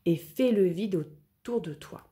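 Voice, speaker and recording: A woman voicing a calm male friend teaching yoga in a children's storybook. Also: fairly low pitch, measured pace, lightly acted. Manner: calm, steady.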